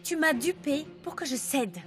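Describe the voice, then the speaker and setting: A female dub actor playing a proud young mother in a telenovela, indignant and forceful in a custody quarrel. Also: high voice, lively intonation, normal speed, soft background music. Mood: accusing. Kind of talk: dubbed telenovela acting.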